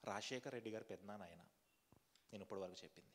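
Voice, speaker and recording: A man's voice: lowish voice, rapid-fire, fairly bright tone, slightly rough. Man preaching in a reverberant church hall. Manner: earnest preaching, rhetorical questions to the congregation; repetitive fervent prayer cadence. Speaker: pastor. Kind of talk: sermon with congregational prayer.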